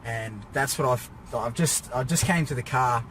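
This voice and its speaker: Sitting in his car after a workout, a fitness vlogger getting ready for a bodybuilding show rambles through a casual personal rant, drained and weary yet still pushing on. His medium-pitched voice is a bit bright and moves at a moderate pace. Vehicle ambience fills the noisy cabin.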